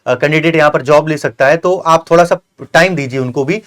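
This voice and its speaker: A young man interviews a guest and drifts into long, earnest advice. His voice sits a bit high, and he repeats himself and fills pauses as he goes. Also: a bit bright. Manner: earnest, repetitive, lecturing with many fillers. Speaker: host of a coaching channel. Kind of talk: interview with a successful candidate.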